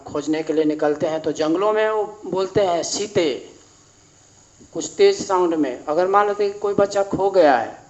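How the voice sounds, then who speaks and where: A man teaching a grammar lesson at a board, explaining slowly and repeating each definition. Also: on the high side, muffled recording.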